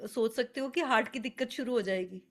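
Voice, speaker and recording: A woman's voice: fairly high pitch, brisk. A woman teaching astrology on a live webinar, chatty and earnest, speaking to attendees by name over a video call.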